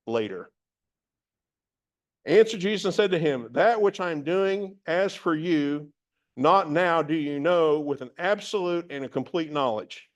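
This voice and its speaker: A man teaching a Bible passage verse by verse, reading it from several translations and musing on it in a conversational way. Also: a little high.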